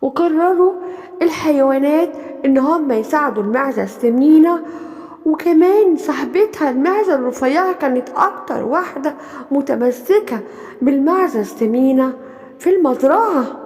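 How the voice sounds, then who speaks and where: A woman with an Egyptian accent narrates a children's bedtime story, calling out to young listeners in a lilting, sing-song way. Her voice is very high, and a long reverb trails after every phrase. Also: a little mellow. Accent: Egyptian Arabic.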